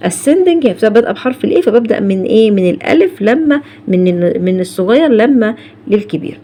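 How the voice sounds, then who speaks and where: Woman, Egyptian Arabic accent, English teacher, fast pace, mellow tone, asks and answers her own questions. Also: fairly high pitch. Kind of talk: recorded lesson explanation.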